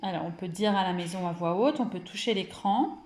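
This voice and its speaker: This French-accented woman, a kindergarten teacher, works with small children over a remote lesson, stretching syllables and handing out frequent praise. Her voice is lowish, brisk and a little mellow, with a reverberant quality.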